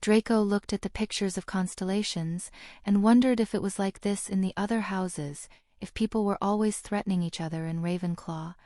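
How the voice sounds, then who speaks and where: A woman narrating a fantasy novel audiobook in a steady, even storytelling delivery. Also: mid-range voice, normal speed, no room sound, studio quality.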